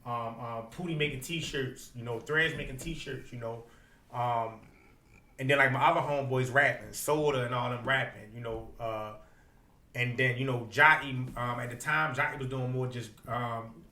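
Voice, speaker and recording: A man with a Baltimore accent telling stories casually as an interview guest, in slangy, unfiltered, animated speech. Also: mid-range voice, moderate pace. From Baltimore, United States. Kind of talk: casual conversational storytelling.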